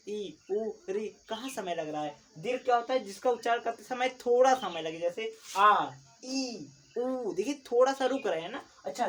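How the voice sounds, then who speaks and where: Woman teacher quizzing her class. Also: mid-range voice. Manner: asks questions and answers them herself, repeats key terms. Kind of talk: recorded classroom lesson. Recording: distant mic with faint background noise.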